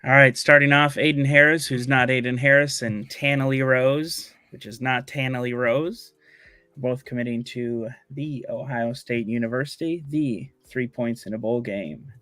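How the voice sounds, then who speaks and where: A man's voice: medium pitch, moderate pace, no room sound. A man hosting a live online show, talking casually with fillers and jokes. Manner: relaxed, joking, many fillers. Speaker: host. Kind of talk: casual live-stream chat.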